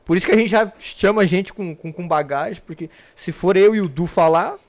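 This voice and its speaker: A man with a slightly high voice hosts a casual church podcast. He rambles, repeats himself and restarts, addressing his guest with respect. He is from Paraná. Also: a little fast. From Paraná, Brazil. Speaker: podcast host.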